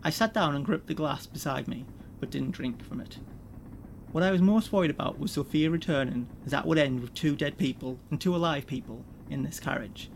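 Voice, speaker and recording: A man narrating a first-person audio story in a weary, measured way. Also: fairly high pitch, gravelly, slight background noise.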